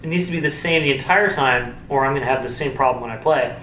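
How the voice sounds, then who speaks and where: A man's voice: mid-range voice, fast. A man giving a casual, explanatory music lesson to camera, informally thinking aloud as he instructs. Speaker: brass instrument teacher demonstrating warmup exercises. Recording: roomy, distant mic with faint noise.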